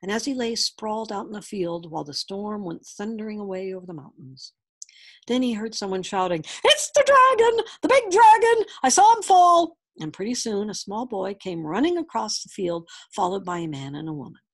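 Animated breathy woman reading a storybook. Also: medium pitch, a little fast. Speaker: storybook reader. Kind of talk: picture-book read-aloud.

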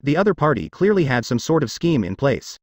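Guy reading a fantasy audiobook, steady delivery, lively pitch, dry close sound. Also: a little fast, no room sound. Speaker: audiobook narrator. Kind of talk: audiobook narration.

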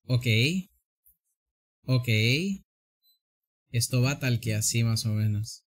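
A man's voice: medium pitch, level tone, slow, a little mellow. A man streaming a drawing game, joking, exclaiming and laughing often. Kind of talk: casual gameplay commentary.

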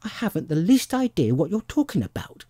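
A small, well-mannered storybook girl, as a reader puts her on. Her voice is pitched far up and moves in lively swoops, earnest and a little bewildered, with a soft breathy grain. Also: a little fast, dry recording. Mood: earnest, flustered.

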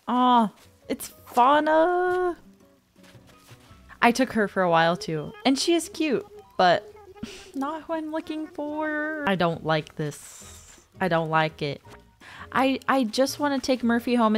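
Chatty young woman gaming, slow speech. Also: fairly low pitch. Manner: chatty, easily spooked, gasps and giggles. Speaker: gaming streamer. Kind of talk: casual gameplay commentary. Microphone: studio dynamic mic.

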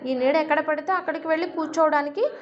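A woman voicing a clever man who answers calmly and evenly as she tells a story. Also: high voice, fast talker, voice pushed up, natural voice. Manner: calm and even. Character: calm clever man, quietly sure of himself. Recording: dull lo-fi recording.

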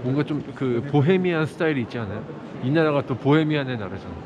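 A man's voice: medium pitch, lively intonation, quick pace, dull audio, noisy background. A man talking through a face mask, chatting casually as a travel vlogger inside a large cathedral and asking viewers along. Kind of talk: casual travel vlog chat.

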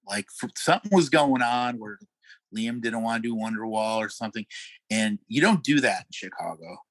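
A middle-aged man, a guest musician, telling animated road stories in a casual interview, laughing often and pausing on fillers. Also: fairly low pitch, no echo, low-quality recording.

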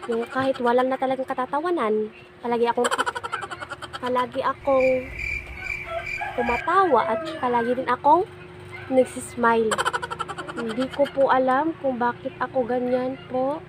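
A woman's voice: high voice, steady tone, moderate pace, long pauses, noisy background. Small-voiced giggly young woman vlogger. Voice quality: small soft voice. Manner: giggly, laughs often. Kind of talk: casual chat.

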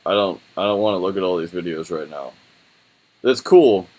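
A young man with a fairly low voice talks through a screen review off the cuff. His delivery is informal and rambling, with loose slang. He sounds like he is at his computer in a small room. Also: expressive, moderate pace, darkish tone, slight background noise. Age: young adult. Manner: informal, rambling, laid-back slangy talk. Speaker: website reviewer. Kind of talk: casual think-aloud screen review.

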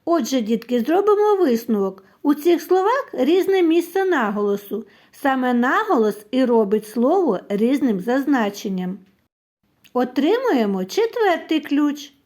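Slow, high-voiced woman teaching children. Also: sing-song, a little mellow. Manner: slow, clear, sing-song teaching voice. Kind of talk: children's literacy lesson.

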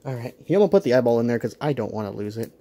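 Guy rambling fast thru a toy unboxing, kinda breathless, keeps correcting himself. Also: medium pitch, expressive, warm tone, slight background noise. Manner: rapid, rambling, self-correcting. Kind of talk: casual unboxing chat.

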